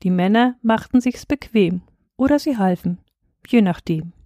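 A woman narrating a rhyming Bible story for children, lively and changing her voice for the characters. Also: mid-range voice, normal speed, dry recording, clean studio sound.

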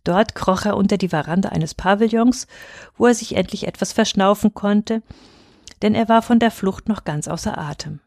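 Female reader, steady storytelling narration, mid pitch, dry close sound. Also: moderate pace, no echo. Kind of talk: scripted narration of a folk tale.

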